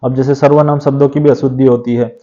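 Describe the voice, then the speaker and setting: Guy teaching a grammar revision class, steady explainer, warm mellow voice, kinda muffled lo-fi audio. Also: mid-range voice, fast talker. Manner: steady explanatory tone with frequent tag question "है ना". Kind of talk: exam revision lecture. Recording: dull lo-fi sound.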